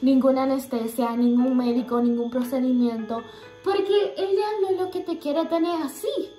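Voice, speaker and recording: High-pitched young woman sharing a faith testimony, earnest and halting, roomy echo. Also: mellow, faint music behind. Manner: earnest, halting, many fillers and restarts.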